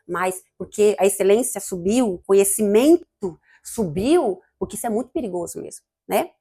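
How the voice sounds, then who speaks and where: A woman's voice: mid-range voice, dark tone. A woman with a Brazilian Portuguese accent giving an informal, fervent church sermon in a conversational, digressive way. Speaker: church member preaching.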